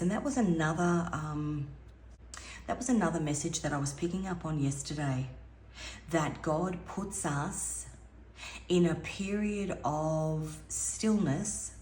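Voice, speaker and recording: In an echoey room with a faint hiss of background noise, a woman gives a spiritual tarot reading as an intuitive reader. Her voice is low-pitched, raspy and darkish, and she wanders earnestly through her thoughts, frequently restarting her sentences.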